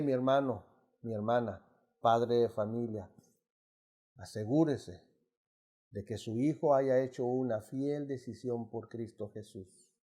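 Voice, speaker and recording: A middle-aged Mexican man with a Mexican Spanish accent and a husky, warm, mid-range voice. He teaches an adult Bible study emphatically, like a preacher, constantly calling his listeners brothers.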